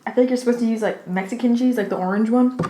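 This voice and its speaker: A woman hosting a mukbang, chatting informally with lots of "like", pausing to take bites and chew, slightly out of breath. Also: on the high side, warm tone. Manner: informal, peppered with "like". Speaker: mukbang host. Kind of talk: casual chat while eating. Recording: roomy, echoey indoor sound.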